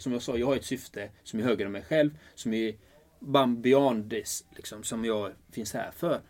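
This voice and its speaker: A man speaking earnestly and enthusiastically as a life purpose coach in a relaxed conversation, often restarting his sentences. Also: fairly low pitch. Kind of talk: casual conversation.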